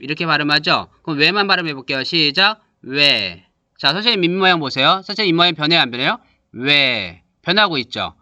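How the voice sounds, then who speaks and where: Lively, bright-voiced male teacher. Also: fairly high pitch, smooth, no echo. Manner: explains step by step, asks students quick check-questions; models vowel sounds aloud for students to repeat. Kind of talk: classroom lecture.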